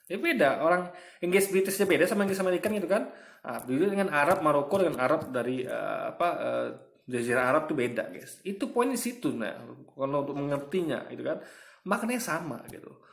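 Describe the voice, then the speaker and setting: A man's voice: on the high side, animated, a little fast, gravelly. Chatty man commentating, echoey room. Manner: chatty, explains with everyday comparisons, keeps addressing viewers as guys. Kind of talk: casual reaction commentary.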